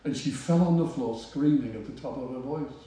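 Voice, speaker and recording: A man's voice: medium pitch, fairly quick, warm tone, far from the mic. A man preaching, telling a personal story in a conversational, self-mocking way. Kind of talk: storytelling sermon. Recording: roomy hall, voice from off-mic.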